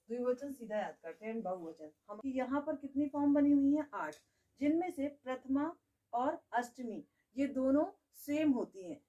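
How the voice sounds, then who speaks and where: A woman's voice: high voice, warm tone, recorded from a distance, low-quality recording. A woman teaching a grammar lesson. She keeps asking the class questions and answering them herself, and she says "okay" often.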